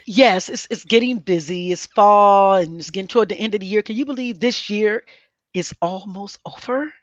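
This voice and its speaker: A woman's voice: medium pitch, moderate pace, no echo, highs cut off. A woman co-hosting a podcast in an upbeat, casual chat, often repeating words as she gets going. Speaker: podcast co-host.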